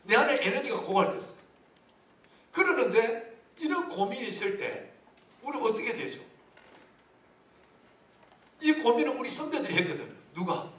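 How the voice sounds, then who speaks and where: A man preaching a sermon as a pastor, lively and humorous, with many rhetorical questions. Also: extremely high pitch, moderate pace, long pauses. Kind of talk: sermon at a leaders' retreat. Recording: echoey hall from far off.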